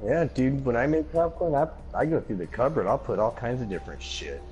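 A man's voice: mid-range voice, lively intonation, a little fast, a little mellow, dull audio, soft background music. A man co-hosting a gaming channel, chatting casually and rambling with restarts and easy laughs. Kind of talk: casual chat. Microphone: headset or desk mic.

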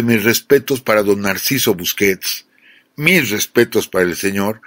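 A man's voice: medium pitch, a bit bright, no echo, studio quality. A man with a Mexican accent hosting a radio program and telling film history in a conversational way. He talks straight to his listeners as friends and often checks in with them. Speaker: radio host.

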